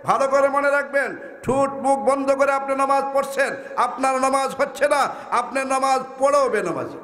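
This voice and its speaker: High-pitched Sylheti preacher in echoing hall. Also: male voice, moderate pace, a bit bright. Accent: Sylheti Bengali. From Sylhet, Bangladesh. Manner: repeats points and fires rhetorical questions at the congregation. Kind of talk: sermon. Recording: echoey hall with long reverb.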